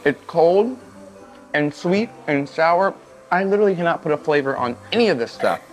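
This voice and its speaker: A man vlogging a family trip, talking fast and excitably while eating at a restaurant. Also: a little high, faint music behind, rough recording. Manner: fast-talking, excitable, talks with mouth full. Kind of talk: casual chat.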